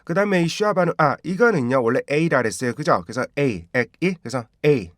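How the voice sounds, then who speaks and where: A man teaching English pronunciation, often repeating words slowly in drills and asking quick check questions. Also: a little high, expressive, dry recording, clean studio sound. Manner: asks rhetorical check questions. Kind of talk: pronunciation lesson.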